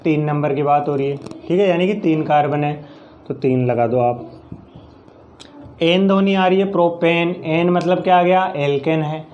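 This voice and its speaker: A man's voice: fairly high pitch, normal speed, a little mellow, lo-fi sound, a little hiss or hum. A male science teacher with a Rajasthani Hindi accent, giving a classroom chemistry lesson. He explains each step, counts aloud and asks questions that he then answers himself.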